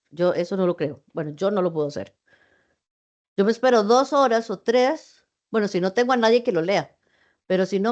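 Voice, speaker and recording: A middle-aged woman lecturing students over a video call, mid-pitched and conversational, with frequent fillers and asides. Her voice comes through slightly muffled, with a lo-fi edge. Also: a little mellow. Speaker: university teacher. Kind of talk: online class lecture.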